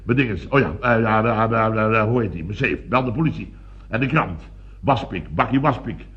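A man's voice: on the low side, expressive, moderate pace, dull audio, natural voice. An actor playing a fussy, pompous rich businessman in a radio comedy, blustering and exclaiming. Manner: blustering, exclamatory, self-mocking.

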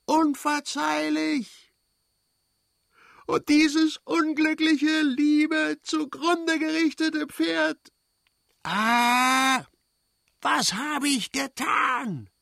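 A man voicing a young male cavalry officer in anguished despair, shouting and crying out in an audiobook reading. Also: very high voice, gravelly, no room sound, studio quality, pitched above the performer's own voice, heavily acted.

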